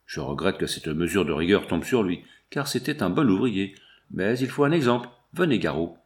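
A man's voice: deep voice, big pitch swings, moderate pace. A man reading the part of a strict factory owner who speaks in a dry, firm tone, in an audiobook.

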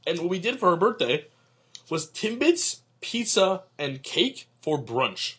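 A man's voice: high voice, sing-song, measured pace, fairly bright tone, slightly rough. A young man co-hosting a casual podcast chat, rambling and joking and often restarting his sentences. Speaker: podcast co-host.

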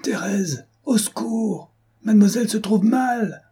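A man voicing a sharp, ironic female governess. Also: fairly low pitch, animated, normal speed, breathy edge. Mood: alarmed. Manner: ironic, mocking.

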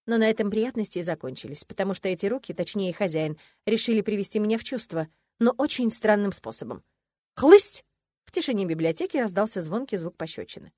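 A woman narrating an audiobook in a lively, expressive storytelling manner. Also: medium pitch, fast talker, dry recording, studio quality.

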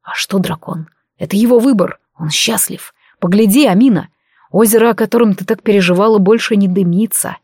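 Woman voicing a dragon king, man, low velvety tone, slow and hushed, intimate, storybook, dry sound. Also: husky, no echo, lightly acted. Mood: calm. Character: calm, passionate male dragon king.

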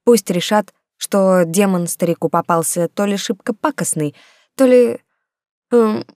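A woman's voice: mid-range voice, measured pace, mellow, dry recording, clean studio sound, pitched above the performer's own voice, lightly acted. Woman voicing a snide grumbling talking rat. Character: sarcastic male talking rat familiar.

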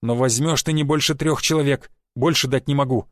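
A man's voice: mid-range voice, fairly even intonation, brisk, dry recording, clean studio sound, close to an everyday voice. A man voicing an angry, cursing male secret police chief who scolds his agent in an audiobook. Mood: stern. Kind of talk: audiobook character voice.

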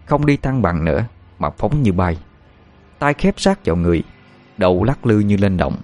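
A man narrating a horror story in a measured storytelling manner. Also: low voice, a little mellow.

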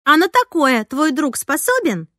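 Woman doing a shrill jealous teen girl. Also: sing-song, a little slow, dry recording, clean studio sound, exaggerated voice. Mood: mocking. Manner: sneering, shouting. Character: jealous sharp-tongued teenage girl.

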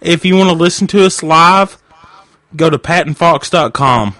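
Dude on a deep pitch-shifted voice changer prank calling, pushy crude bro talk, bright dry sound. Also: male voice, normal speed, dry recording. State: drunk. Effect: voice changer pitching his voice deeper. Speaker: prank caller, radio show host. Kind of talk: prank phone call.

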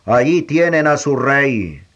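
A man reading the lines of a wary Roman governor, measured and questioning. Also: medium pitch, animated, fairly bright tone, muffled recording.

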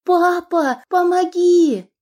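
A woman voicing a frightened but sharp-tongued young woman in an audiobook. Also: mid-range voice, lively intonation, measured pace. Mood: pleading. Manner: pleading, then sarcastic and defiant. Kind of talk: audiobook character reading.

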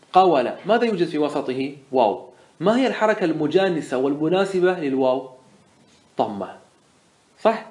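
A man's voice: on the high side, a little mellow, roomy sound. A man teaching Arabic morphology as a sheikh, patiently explaining step by step and answering his own questions. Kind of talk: classroom lesson.

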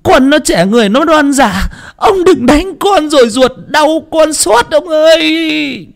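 A wailing old village wife. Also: female voice, lowish voice, very animated, moderate pace, dark tone, voice pushed up. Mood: wailing pleas. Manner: wailing, sobbing, begging.

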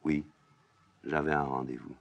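A man reading a play aloud, voicing a grave, stubborn young princess in a soft, low voice. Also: flat delivery, unhurried. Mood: gentle. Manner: soft, hushed, subdued.

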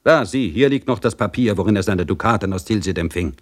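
A man's voice: on the low side, lively intonation, brisk, pitched above the performer's own voice. A man reading aloud voices a brusque, blustering middle-aged police officer who scolds and gives orders. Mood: scolding.

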